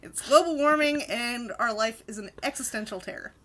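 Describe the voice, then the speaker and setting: A woman with a slightly high voice, speaking at a normal speed, co-hosts a podcast reviewing a cartoon episode. She's casual, animated, and enthusiastic, and she leads the conversation.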